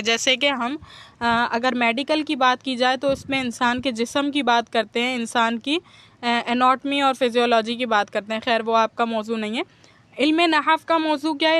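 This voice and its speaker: A woman giving a patient grammar lesson, often pausing to check that students follow. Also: high-pitched, bright, forceful tone, dry recording. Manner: patient, keeps checking understanding with "okay?". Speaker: teacher of Arabic grammar. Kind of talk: explanatory classroom lecture.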